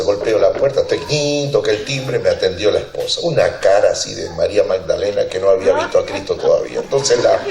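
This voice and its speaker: Male pastor, lively storytelling sermon, roomy church sound from a distant mic, congregation heard. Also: fairly low pitch, gravelly. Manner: animated, laughing storyteller acting out voices.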